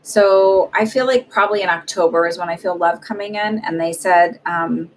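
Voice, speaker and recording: A woman's voice: fairly low pitch, normal speed, rough recording. A woman doing a live-streamed psychic reading, chatting casually and meandering with many fillers. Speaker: psychic reader.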